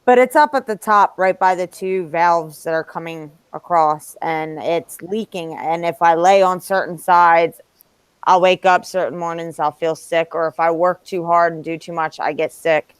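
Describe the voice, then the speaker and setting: A woman's voice: lowish voice, steady tone, normal speed, clear, resonant tone, dry recording. A young woman chatting casually on a late-night video call, rambling, searching for words and swearing offhand. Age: young adult. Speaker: livestream co-host. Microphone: computer mic.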